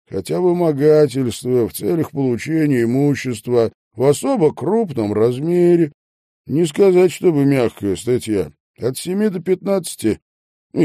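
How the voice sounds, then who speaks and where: A man's voice: medium pitch, sing-song, normal speed, warm tone, dry recording, close to an everyday voice. A man voicing a level-headed male detective in an audiobook, talking in a dry, explanatory way. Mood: matter-of-fact. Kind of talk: audiobook character voice.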